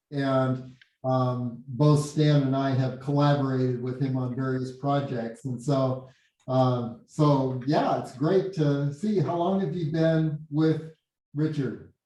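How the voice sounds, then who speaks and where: A man hosts a meeting in a casual, halting way and often repeats a word before going on. His mellow voice booms back with a hollow echo, like a cave. He sits well back from the computer mic in a very reverberant meeting room. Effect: hollow cave-like echo, as if speaking in a hole. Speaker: meeting host. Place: meeting room with windows and blinds. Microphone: computer mic set back from the speaker. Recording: very echoey room, far from the mic.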